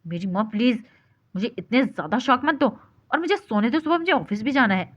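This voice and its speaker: A woman voicing a short-tempered young husband who threatens and scolds gruffly. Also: very high voice, expressive, a little fast, fairly bright tone, exaggerated voice. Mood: angry scolding. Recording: dull lo-fi recording.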